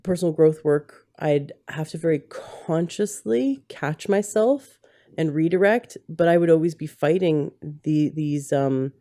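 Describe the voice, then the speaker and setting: A woman's voice: low voice, measured pace, dark tone. A woman hosting a podcast, telling a personal story in an earnest, rambling way that restarts and corrects itself, recorded at home with a handheld mic. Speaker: podcast host. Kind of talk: candid conversational interview. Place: home setting, husband holding the mic.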